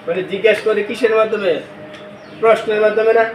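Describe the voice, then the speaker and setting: In an echoey classroom heard from afar, a man teaches in a call-and-response lecture, quizzing students and spelling words one letter at a time. His high voice moves little in pitch and he talks quickly, with a faint hiss or hum underneath.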